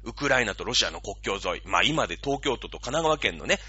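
A man's voice: on the low side, big pitch swings, fast, sharp tone, breathy edge, no room sound, highs cut off. A man hosting a radio show, talking casually and explaining things with playful analogies.

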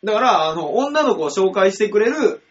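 A man co-hosting a casual comedy radio chat, teasing quickly and laughing often. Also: high-pitched, expressive. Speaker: radio co-host. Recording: dull lo-fi radio recording.

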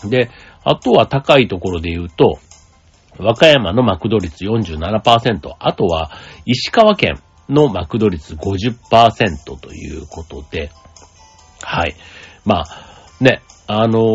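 Chatty man rambling with lively pitch. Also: slightly rough. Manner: rambling, chatty, many fillers and asides. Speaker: podcast host. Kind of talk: casual solo chat. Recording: slightly dull lo-fi audio with faint music.

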